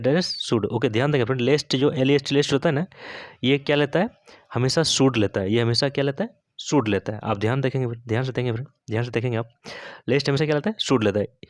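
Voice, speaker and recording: A man's voice: mid-range voice, dry recording, clean studio sound. Indian man teaching spoken English. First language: Hindi. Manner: repeats "okay?" and quizzes the viewer, drawing out English sentences slowly.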